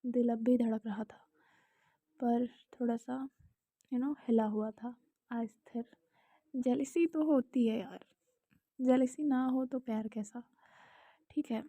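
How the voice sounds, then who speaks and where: A young woman with an Indian accent calmly narrates a romantic story, sometimes whispering and adding casual asides to the listener. Her voice is on the high side, slow, with long pauses. The home recording is dry and slightly dull.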